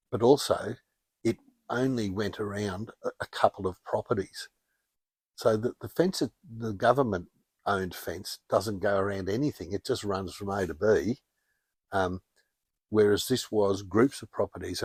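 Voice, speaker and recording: An older Australian man telling stories in a relaxed, wry way as a podcast guest. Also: deep voice, slightly rough, no echo. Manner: chatty, anecdotal, wry. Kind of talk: casual interview storytelling.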